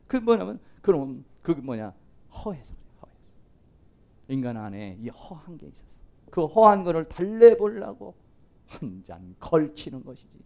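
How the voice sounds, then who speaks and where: A male pastor lecturing at a seminary, his voice sitting high for a man and swooping widely up and down. He talks in a chatty, animated way, slipping into quoted voices and laughing along the way. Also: normal speed, vocal fry. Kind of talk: lively classroom lecture on healing counseling.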